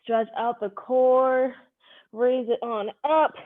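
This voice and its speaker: A fitness instructor running a live online workout speaks slowly, her slightly high voice fairly even in intonation. Her brief, directive cues and counts come through narrow, phone-like audio.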